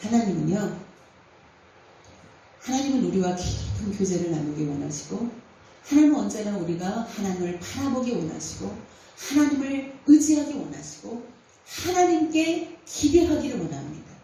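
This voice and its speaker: A middle-aged woman pastor preaching a Sunday sermon in a church, emphatic, full of rhetorical questions and sudden rises in pitch. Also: very animated, moderate pace, warm tone, slight background noise. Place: church sanctuary. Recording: echoey church hall picked up from a distance.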